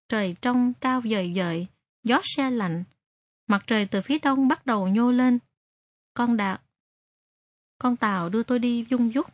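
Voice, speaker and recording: Gentle woman narrating a story. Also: a little high, no echo. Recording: dry, slightly muffled recording.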